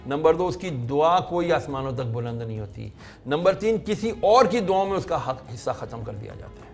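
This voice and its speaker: Earnest scholar in his fifties, rough gravelly tone, preacherly delivery, soft music underneath. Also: a little high, lively intonation. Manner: earnest, preacherly, acts out quoted voices. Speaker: religious scholar. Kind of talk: storytelling on a talk show.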